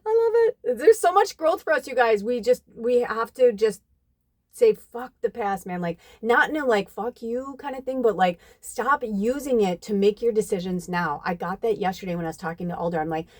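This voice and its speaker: A woman's voice: on the high side, expressive, normal speed. A woman in her fifties, a psychic medium giving a casual spiritual reading, chatty and swearing freely. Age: 50s. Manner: chatty, swearing freely, reads passages aloud.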